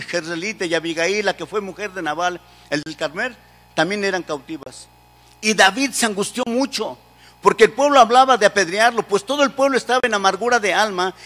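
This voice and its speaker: A man's voice: high-pitched, fairly bright tone, in a large hall. A man preaching a sermon with passion and urging the congregation to repeat phrases after him. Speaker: pastor.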